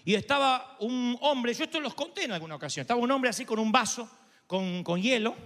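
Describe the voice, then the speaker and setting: A man's voice: very high-pitched, lively intonation, a little fast, fairly bright tone, long reverb tail. A middle-aged Argentine man preaching, telling a story animatedly and acting out the dialogue and prayers. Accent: Argentine Spanish. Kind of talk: storytelling sermon.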